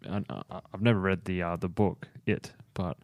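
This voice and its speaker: A man with a low voice co-hosting a casual chat podcast. He feels his way into questions, with lots of stops and fillers. The sound is dry and close-miked. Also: fairly even intonation, normal speed, no room sound. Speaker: podcast co-host.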